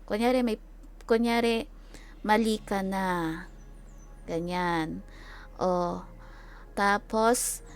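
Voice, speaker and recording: A young adult woman with a Filipino accent chatting casually and teasingly on a game livestream, quick to laugh. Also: a little high. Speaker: game streamer.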